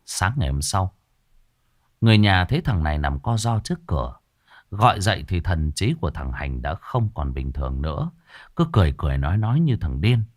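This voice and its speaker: A man's voice: low-pitched, husky, no echo, studio quality. Dramatic male horror storyteller. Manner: expressive, dramatic.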